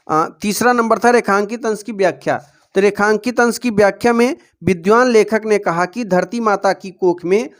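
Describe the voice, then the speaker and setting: A man teaching students how to write board exam answers, calling them dear children and often telling them to pay attention. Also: high-pitched. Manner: recites verse slowly and deliberately. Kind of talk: exam-prep lesson for students.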